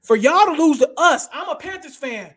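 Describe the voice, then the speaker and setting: A man's voice: very high voice, expressive, moderate pace, a bit bright. A man hosting a casual sports talk show, blunt and opinionated, who often says "bro" and "y'all". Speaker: podcast host.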